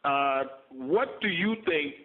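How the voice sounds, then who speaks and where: A man working as a reporter, asking questions haltingly on a press conference call over the phone. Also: on the high side, animated, narrow, tinny audio.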